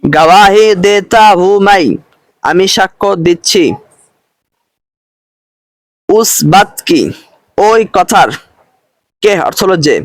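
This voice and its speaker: A man teaching a recorded lesson, explaining slowly and patiently and repeating each phrase with its translation. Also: high-pitched, no echo.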